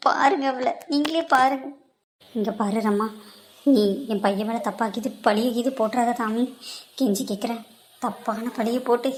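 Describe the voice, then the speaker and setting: A woman's voice: a little high, a little hiss or hum. A woman voicing a middle-aged aunt in a cartoon drama, who laments and defends her son. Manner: distressed, pleading, lamenting.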